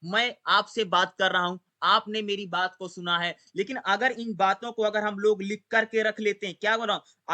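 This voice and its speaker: A man's voice: high-pitched, bright, forceful tone. A male teacher explaining a lesson, repeatedly asking questions and answering them himself. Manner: repetitive, asks rhetorical questions then answers them. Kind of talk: explanatory Hindi lecture.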